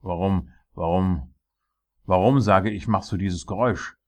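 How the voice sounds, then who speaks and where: A man's voice: sits low, lively intonation. A man playing a bellowing tyrant king. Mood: furious. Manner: loud, mocking, bullying, quick to rage. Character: cruel, bellowing old male king, a tyrant. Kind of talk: dramatic audiobook reading.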